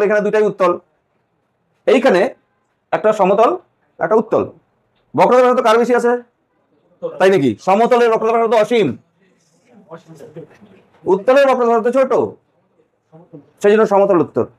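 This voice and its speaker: Physics teacher, male, high voice, lecturing and quizzing the class. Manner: questioning, repeats key points to students.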